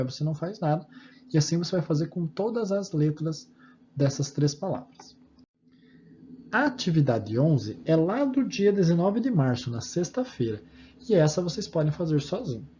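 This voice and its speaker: A Brazilian preschool teacher, a man, walks small children through their homework step by step. His voice is mellow and rises and falls in a lively, sing-song way. The recording is dull and lo-fi, with a faint hum underneath. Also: on the high side. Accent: Brazilian Portuguese. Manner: patient, slow and sing-song, spelling out steps for small kids. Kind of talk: explaining homework to young children.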